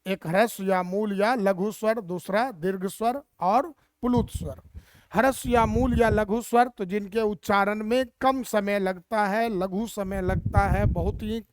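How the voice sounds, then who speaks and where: A woman's voice: medium pitch, unhurried. A woman teacher explaining Hindi grammar step by step and asking rhetorical questions as she goes.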